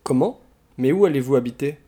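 A man reading the part of a flustered, nervous man who humors a stranger, agitated and ingratiating, in a warm low-toned voice. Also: lively intonation, fairly quick, lightly acted.

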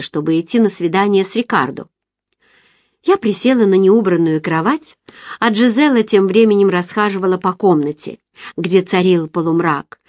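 A woman reading a novel aloud in the first person, calm and measured. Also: mid-range voice, dry recording, studio quality. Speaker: audiobook reader. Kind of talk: first-person literary narration.

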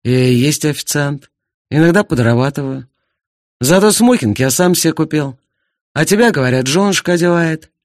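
Man playing brash young guy, mocking, lively pitch, dry sound. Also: normal speed, no room sound, lightly acted. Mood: cocky. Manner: cheeky, mocking. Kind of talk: audiobook character voice.

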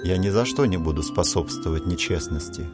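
A man's voice: low voice, a little fast, over loud music, natural voice. A man voicing a proud, self-righteous schoolboy who scolds his classmates sharply. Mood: scolding.

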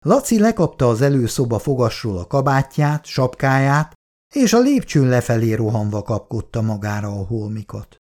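A man narrating a family story in a calm, lowered reading voice. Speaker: reader.

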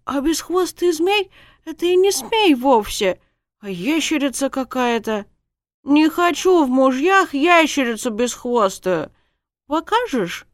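A tipsy young princess bride, voiced by a woman reader, teasing in a high, sing-song voice that climbs well above the narration. She is cheeky and stubborn, her words giggly and lilting. The audiobook sound is dry and close. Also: big pitch swings, a little slow, no echo. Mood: playful. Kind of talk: audiobook character voice.

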